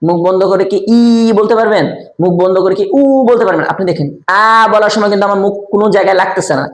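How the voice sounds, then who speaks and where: A man teaching a step-by-step lesson, repeating key answers slowly, asking quiz questions aloud and demonstrating sounds himself. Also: high voice, steady tone, reverberant. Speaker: Quran recitation teacher.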